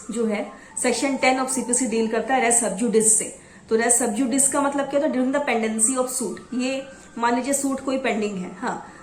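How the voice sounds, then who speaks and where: A woman from Assam teaching exam preparation, reading out headings slowly and then explaining them. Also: fairly high pitch, roomy sound. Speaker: law exam tutor. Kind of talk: exam coaching lesson.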